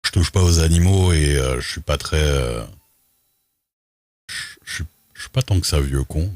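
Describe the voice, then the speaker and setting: A man's voice: moderate pace, a little mellow, no echo, studio quality. A man streaming a role-play game, chatting casually and reading server rules aloud with loose asides, in a voice he calls unusual. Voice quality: unusual, very deep voice. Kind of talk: casual livestream chat while role-playing.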